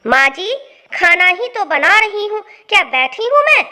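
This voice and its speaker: A very high, bright young bride, voiced by a woman, who whines and answers back at every turn. It is a stubborn, sulky cartoon-story voice. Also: very animated, measured pace, exaggerated voice. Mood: defiant. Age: young adult. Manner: whiny, talks back.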